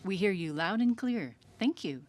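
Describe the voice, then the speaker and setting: A woman's voice: medium pitch, animated, moderate pace, crowd noise. A woman making formal, procedural radio checks as a control room communicator, in a sci-fi communicator manner. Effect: radio link. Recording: noisy phone-like radio link.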